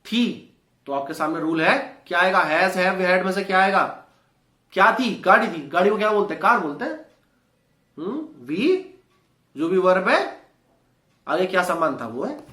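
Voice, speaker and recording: A man teaching an English lesson in Hindi, quizzing viewers with quick rhetorical questions. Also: sits high, animated, pushed and bright. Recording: roomy echo.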